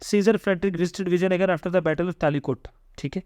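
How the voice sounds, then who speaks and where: High-voiced man teaching from notes. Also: darkish tone, smooth, no echo, studio quality. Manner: reads English notes slowly, then explains quickly in Hindi; stumbles over hard names and apologizes. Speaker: exam-prep teacher. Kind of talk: lecture reading notes aloud, explaining in mixed Hindi and English.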